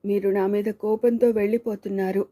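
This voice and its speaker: A woman's voice: medium pitch, little pitch movement, warm tone, natural voice. A woman reading a tearful young wife. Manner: sobbing, hurried.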